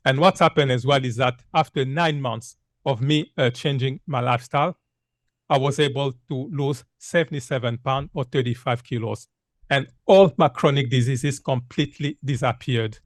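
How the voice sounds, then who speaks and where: A man's voice: medium pitch, normal speed, no room sound, studio quality. A man in his fifties from Congo gives an earnest public health talk with many "uh" fillers. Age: 50s. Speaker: speaker giving a health talk.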